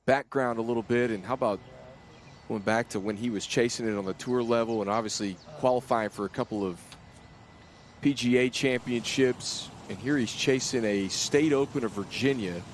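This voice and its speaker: A man's voice: medium pitch, moderate pace, slight background noise. A man doing live play-by-play golf commentary as the lead announcer of a tournament broadcast.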